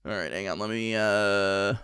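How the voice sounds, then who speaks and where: A man's voice: lowish voice, fairly even intonation, a little slow, fairly bright tone, clean tone, dry recording, studio quality. A young man streaming from home, chatting casually with viewers and often laughing as he reacts to the chat.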